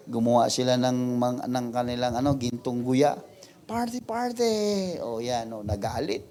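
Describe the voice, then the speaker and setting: A male pastor preaching a mid-week Bible study, mixing in English verses and acting out quoted people in sudden high voices. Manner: animated preaching, voices quoted people, big pitch swings; mixes English verses into Tagalog, halting restarts.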